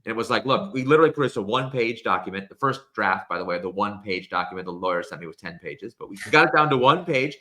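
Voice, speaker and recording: A man's voice: fairly low pitch, fast, few pauses. A man telling a workplace story in a webinar conversation, acting out the dialogue of the people in it. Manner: animated, acts out quoted dialogue. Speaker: founder and webinar guest.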